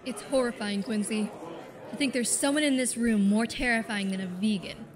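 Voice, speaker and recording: A woman's voice: on the high side, steady tone, normal speed, a crowd in the background, close to an everyday voice. A woman playing a brash, sarcastic young detective in a comedic short film. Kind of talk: comedic student film acting.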